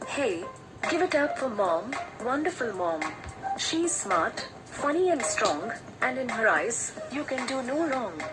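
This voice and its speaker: A woman's voice: fairly high pitch, big pitch swings, unhurried, rough recording. A synthetic female voice assistant answering questions in a polite, neutral, evenly articulated manner. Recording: music playing over the voice.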